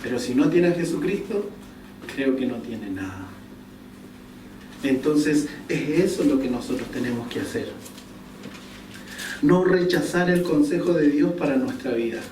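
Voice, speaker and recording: Preaching to a congregation in a church hall, a man with a medium-pitched, darkish voice tells a personal story and puts questions to his listeners. He is expressive and unhurried, pausing often. The room echoes, the mic is distant, and there's faint noise.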